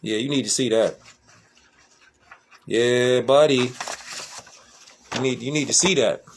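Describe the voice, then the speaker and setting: A man's voice: mid-range voice, slow pace, slight background noise. A man giving preachy commentary in casual slang, emphatic and repetitive.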